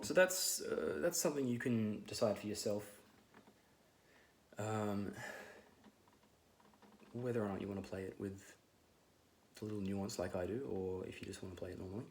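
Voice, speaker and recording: A man with a hoarse voice giving a relaxed guitar lesson, rambling with many fillers as he explains the chords. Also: on the low side, normal speed, long pauses, a little hiss or hum. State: losing his voice. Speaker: guitar teacher. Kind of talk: casual guitar tutorial. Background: his own loud acoustic guitar playing.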